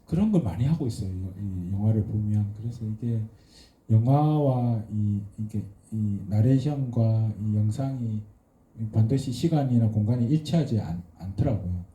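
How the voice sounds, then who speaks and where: A man speaks in a halting, thoughtful way at a post-screening talk, often pausing and restarting. His voice is very dark and mellow. It rings in an echoey event hall. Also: fairly low pitch, lively intonation. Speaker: guest writer.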